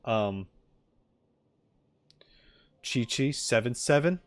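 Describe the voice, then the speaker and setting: A man speaking very slowly in a mid-range voice with lively intonation reacts to game content for his livestream viewers. His chat is playful and jokey, rambling and full of repeated points. No echo is heard.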